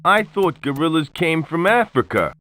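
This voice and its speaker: Brief: cocky adventurer hero in a game, wry and easygoing, very animated pitch, faint music behind. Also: male voice, moderate pace. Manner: wisecracking, laid-back. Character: wisecracking adventurer pilot, cocky man. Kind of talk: video game voice acting.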